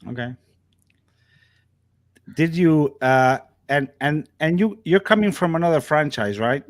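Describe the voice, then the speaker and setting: A man's voice: fairly high pitch, expressive, unhurried. A man hosting a casual sports talk show, chatty and joking with his guests. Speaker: show host.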